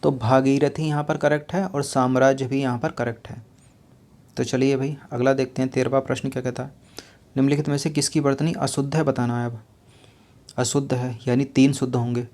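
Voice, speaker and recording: Guy teaching spelling for exams, monotone, keeps repeating the answer back, thrown in. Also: mid-range voice. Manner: explains patiently, repeats each answer and asks rhetorical questions. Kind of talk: exam-prep lesson going through spelling questions.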